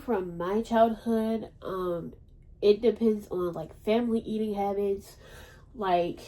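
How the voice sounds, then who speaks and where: A woman's voice: medium pitch, dark tone, low-quality recording. A woman hosting a podcast in casual chat, talking in a rambling, blunt way and swearing freely. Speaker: podcast host.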